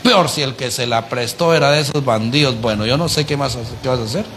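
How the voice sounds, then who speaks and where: A man preaching a conversational sermon, animated and often putting rhetorical questions to the congregation. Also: mid-range voice, a little fast, faint music behind.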